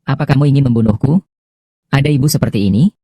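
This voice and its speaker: A man's voice: mid-range voice, fast, dark tone, dry recording, clean studio sound, close to an everyday voice. A man voicing a wronged young woman who speaks bitterly and accusingly in dubbed drama dialogue.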